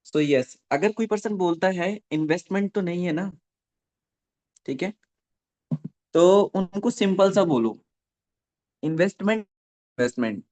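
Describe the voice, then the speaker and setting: A man running a live online training session for network marketing, dictating points slowly and checking in with listeners after nearly every sentence. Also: high-pitched, darkish tone. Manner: dictates slowly for note-taking.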